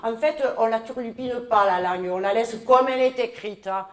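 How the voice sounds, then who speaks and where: Woman doing a chatty middle-aged mom with a southern french accent, rambles and grumbles, highish voice, echoey hall. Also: normal speed, close to an everyday voice. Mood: indignant. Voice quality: talkative, rambling, indignant asides. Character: chatty southern French mother, newcomer, scheming. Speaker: comic stage character. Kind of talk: live comedy sketch. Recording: roomy live hall sound.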